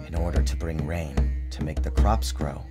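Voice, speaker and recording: With a very deep voice and a moderate pace, a man dramatically narrates his own children's storybook. The delivery is that of an expressive, theatrical storyteller, set against music and sound design.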